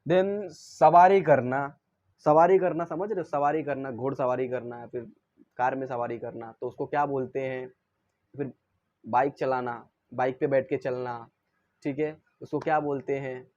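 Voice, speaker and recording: A man's voice: mid-range voice, steady tone, unhurried, a little mellow, dull audio. A man teaching English verbs in Hindi. He asks and answers his own questions and recites each verb's forms in English. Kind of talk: classroom-style lesson.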